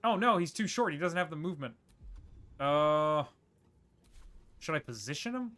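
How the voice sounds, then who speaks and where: A man streaming a video game, rambling and thinking aloud with quick laughs as he plays. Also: fairly high pitch, lively intonation, a bit bright. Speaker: gaming streamer. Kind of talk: casual gameplay commentary.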